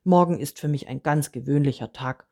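A woman reading a storybook aloud and voicing an upset village boy who shouts in anger and whispers bitterly. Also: low voice, fairly quick, gravelly. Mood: bitter hush.

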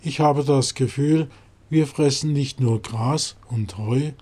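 A man's voice: mid-range voice, slow pace, mellow, breathy edge. A man voicing a grumbling, stubborn crib sheep. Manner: complaining, defiant.

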